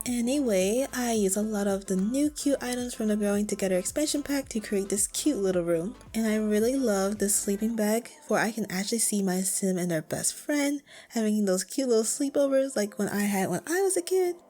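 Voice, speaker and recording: A woman's voice: medium pitch, fairly quick, hardly any pauses, mellow, soft background music. A young woman giving a chatty, candid voice-over about her game build, often laughing. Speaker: Sims build creator.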